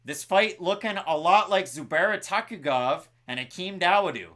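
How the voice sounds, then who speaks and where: A man calls a fight live for a stream audience, his voice bright and edgy. His pitch leaps around animatedly as he reacts to strikes and takedowns. He also reads out fan scorecards between the action. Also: normal speed. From Canada. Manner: excitable play-by-play calling, reads out fan scores. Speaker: co-host. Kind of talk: live fight watch-along commentary.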